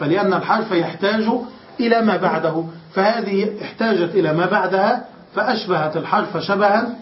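A sheikh teaching Arabic grammar, explaining step by step and often checking that his students understand. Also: sits high. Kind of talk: classroom lesson. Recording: roomy, dull lo-fi lecture recording.

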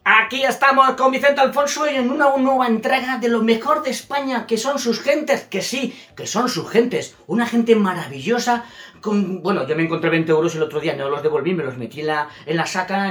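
A man's voice: high voice, normal speed, fairly bright tone. Rambling comic man. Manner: rambling, self-mocking jokey patter. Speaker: comedy section presenter. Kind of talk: comic monologue.

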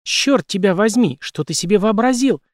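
A man's voice: high voice, very animated, normal speed, darkish tone, no room sound, studio quality, voice pushed up. A man voicing an angry, defiant young woman who scolds and swears in an audiobook. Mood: furious. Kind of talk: audiobook character reading.

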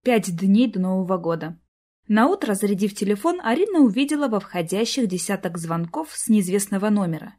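A woman narrating a novel as an audiobook, with expressive storytelling. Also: mid-range voice, a little fast. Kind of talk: scripted narration.

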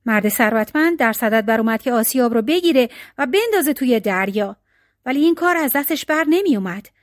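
Female narrator for a storybook, high and animated, dry close sound. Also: no echo. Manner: expressive, animated reading.

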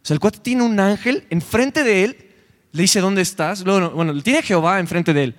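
Young Mexican male youth preacher, high voice, animated and joking, long hall echo. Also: brisk. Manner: animated, joking, retells scripture in quoted voices. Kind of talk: sermon.

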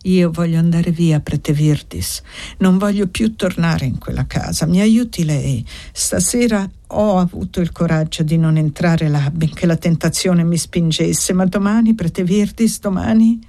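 A woman's voice: lowish voice, measured pace, mellow. A woman reading the part of a desperate young foundling woman in an audiobook, pleading and insistent.

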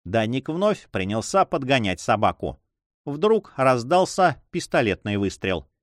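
A man reads an adventure story aloud, and his pitch rises and falls with lively expression. His voice sits in a middle register. The sound is close and dry with no room around it. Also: unhurried, no room sound. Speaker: narrator. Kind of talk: audiobook narration.

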